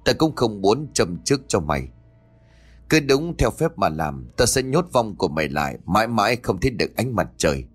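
A stern, commanding exorcist master, calm but severe, laying down orders and warnings, as a male narrator voices him. The voice is lowish and lively in pitch, steady and authoritative, in a spoken ghost story. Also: normal speed, breathy edge, soft background music.

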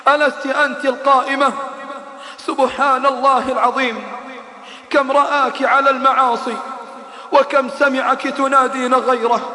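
Male preacher, very high bright voice, flat intonation, impassioned pleading sermon in a reverberant hall. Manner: impassioned, pleading, repeated rhetorical questions. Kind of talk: emotional sermon.

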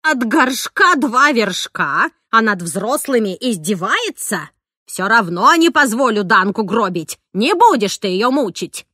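A woman reading an audiobook, voicing an older woman who works as a nanny: sharp, scolding and folksy, fiercely protective of the girl in her care, recorded in a dry studio. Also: lowish voice, animated, unhurried, dry recording. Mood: shouting. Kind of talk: audiobook character voice.

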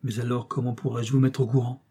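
A gruff, excitable army general, played by a male reader speaks emphatically in a dark, slightly husky voice. His lines come out as exclamations, set within a storybook reading. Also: medium pitch, fairly quick, lightly acted. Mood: emphatic.

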